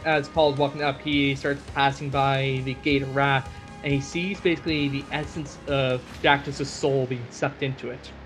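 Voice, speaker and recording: A man's voice: mid-range voice, flat delivery, normal speed, a bit bright, soft background music. A man hosting a podcast and recapping a story in a casual, chatty way with many fillers. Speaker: podcast host.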